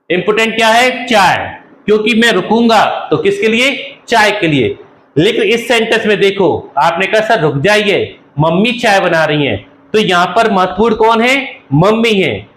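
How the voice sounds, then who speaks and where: A man teaching an English grammar lesson, explaining slowly and repeating points with everyday examples, writing on a board. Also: high voice, a bit bright, roomy sound, low-quality recording. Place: classroom with a board.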